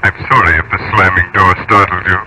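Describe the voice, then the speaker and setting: An actor playing a calm, mysterious male magician in a 1930s radio drama, speaking smoothly and with quiet command. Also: low voice, close to an everyday voice. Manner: smooth, unhurried, dreamy to commanding. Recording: noisy old radio recording.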